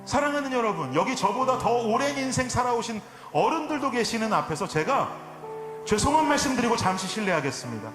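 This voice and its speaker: High-voiced impassioned pastor in his forties. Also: very animated, a little fast. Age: 40s. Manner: storytelling that builds to impassioned, shouted preaching. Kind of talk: sermon with personal anecdote. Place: church sanctuary. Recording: echoey church hall with music behind.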